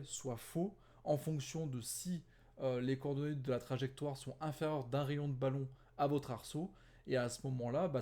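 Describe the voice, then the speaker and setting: A man walking through an exam answer key in a casual, conversational way, often correcting himself and filling pauses, tired from working late at night. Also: medium pitch, a little mellow. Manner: conversational, many fillers and self-corrections. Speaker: physics teacher.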